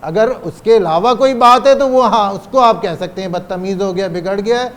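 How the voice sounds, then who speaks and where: A man delivers a religious lecture. He poses rhetorical questions and slows down on the phrases he wants to stress. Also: high voice, a little hiss or hum. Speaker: cleric giving a religious lecture. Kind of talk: Urdu religious lecture on parenting.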